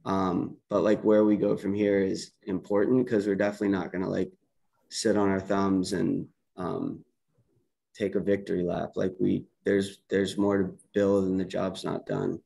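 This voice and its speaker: Low flat-voiced man on a call. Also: creaky. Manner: halting, many fillers and restarts. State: losing his voice. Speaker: project team member on community call. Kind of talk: casual call talk. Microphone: video call.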